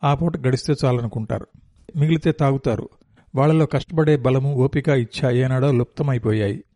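A man reading a novel aloud as narrator, in a steady, descriptive storytelling manner. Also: medium pitch, normal speed, dry recording.

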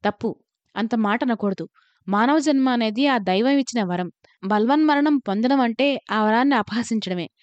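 A woman voicing a kind, gentle male temple priest who speaks softly and consolingly. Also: a little high, normal speed, dry recording, lightly acted. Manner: soft, consoling, fatherly. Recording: slightly dull, lo-fi recording.

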